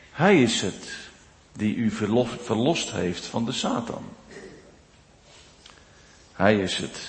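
Slow-preaching man in a reverberant church. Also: lowish voice. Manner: slow, swelling from hushed to loud declaiming. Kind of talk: sermon.

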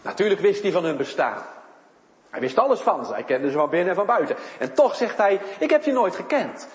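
A man's voice: sits high, sing-song, a little fast, echoey room, long reverb tail. A man preaching a sermon in church, his voice rising and falling for emphasis. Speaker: pastor.

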